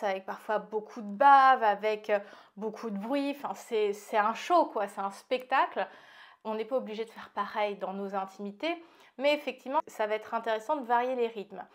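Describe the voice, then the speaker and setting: A woman with a slight lisp on her s sounds from dental aligners, giving informal, direct advice to viewers as a channel host. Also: a little high. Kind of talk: informal advice talk to camera.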